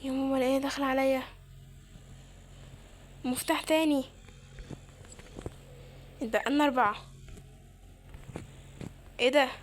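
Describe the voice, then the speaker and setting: A woman's voice: high voice, steady tone, normal speed, long pauses, a little hiss or hum. A woman with an Egyptian Arabic accent giving playful, chatty let's-play commentary and talking to her viewers. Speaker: gamer.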